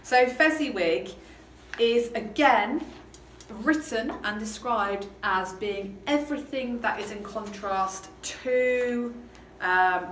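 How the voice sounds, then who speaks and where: A woman teacher talking casually through a novel, chatty and hesitant with lots of ums. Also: a little high. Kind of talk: casual literature lesson chat. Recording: roomy, distant mic, background noise.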